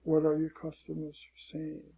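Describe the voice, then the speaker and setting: Gravelly, husky man teaching casually. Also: a little high, completely flat delivery, a little slow, mellow. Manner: repeats "okay" and restarts often, emphatic warnings. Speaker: online marketing instructor. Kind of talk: casual screen-share tutorial.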